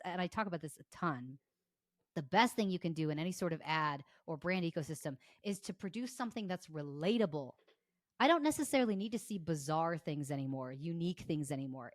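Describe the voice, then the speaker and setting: A woman's voice: on the low side, dry recording, studio quality. A young adult woman, a consumer behavior strategist, explaining enthusiastically as a guest in a casual podcast interview, often laughing as she talks. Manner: enthusiastic, fast-flowing explanations with frequent laughs.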